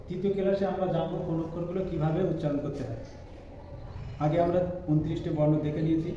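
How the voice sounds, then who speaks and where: A man teaches a reading lesson, slowly repeating each letter sound so the class can follow. His voice sits high but mellow. It carries from across a very echoey room, well away from the mic. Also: recorded from a distance, highs cut off, slight background noise. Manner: slow, patient, repeats letter sounds to drill pronunciation.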